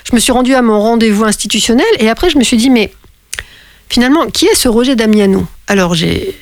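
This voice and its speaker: Radio host, middle-aged woman, somewhat high voice, dry studio sound, casual and rambling. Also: fast, no room sound. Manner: chatty, laughing, many restarts. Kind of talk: casual phone conversation on radio.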